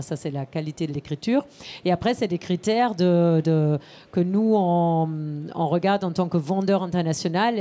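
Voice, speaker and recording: A woman's voice: fairly low pitch, mellow. A woman speaking as a panelist, explaining her professional criteria in an unscripted way. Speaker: panelist, international film and TV distributor.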